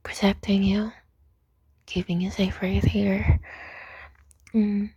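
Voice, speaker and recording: A young woman whispering close to the mic in an intimate roleplay, soft, coaxing and dominant. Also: mid-range voice, flat delivery, slow, breathy edge, dry recording. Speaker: audio roleplay performer.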